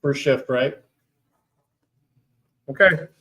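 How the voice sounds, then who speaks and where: A man talks on a call that keeps breaking up, speaking loudly and briskly to sort out a work shift. His voice sits at an ordinary middle pitch. He is heard from a distance, across the room from the mic. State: talking on a call with a bad connection. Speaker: coworker arranging shifts. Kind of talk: casual phone call.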